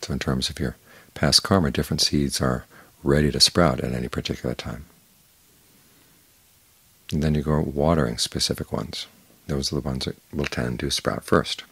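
An older man, a Buddhist monk, giving a calm, measured evening Dhamma talk with unhurried pauses and a husky voice. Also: very deep voice, no echo.

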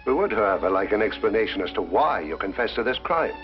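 An actor playing a dogged, stolid police inspector with a formal, officious manner in a 1950s television drama. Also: male voice, on the low side, very animated, fast. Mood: formal, stern. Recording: dull 1950s broadcast soundtrack, music behind.

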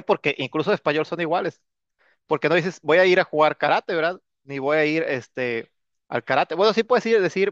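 A male English teacher with a Mexican Spanish accent, congested with a cold, giving a relaxed, chatty lesson with self-joking asides. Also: fairly high pitch, dry recording, highs cut off. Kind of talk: casual classroom lesson.

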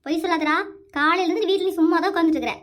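A woman voicing a strict, fed-up mother in a cartoon family comedy who scolds her sons with a sharp tongue. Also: very high voice, rapid-fire. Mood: scolding.

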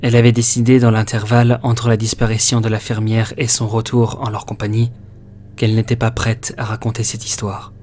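A man narrating a horror audiobook with measured, expressive storytelling. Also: lowish voice, faint music behind. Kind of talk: dramatic audiobook reading.

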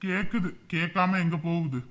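A man's voice: sits high, normal speed, fairly bright tone. An actor playing a young husband who grumbles and sulks at his wife.

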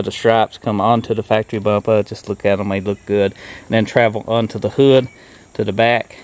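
Holding his phone out at arm's length, a middle-aged man records in a grassy gravel yard outside. He's a car restoration vlogger giving a folksy, plain-spoken, hands-on walkthrough in a medium-pitched, darkish voice.

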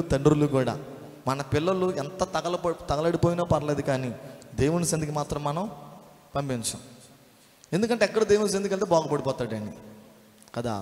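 A man's voice: on the high side, darkish tone. A man preaching a sermon, storytelling and firing rhetorical questions at the congregation. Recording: echoey hall.

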